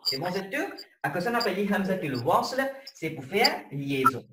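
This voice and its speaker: Man teaching, lively pitch, roomy sound. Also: moderate pace. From Mauritius. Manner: explains step by step, keeps checking students follow. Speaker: Arabic teacher. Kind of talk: online class lecture. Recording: roomy, distant with faint noise.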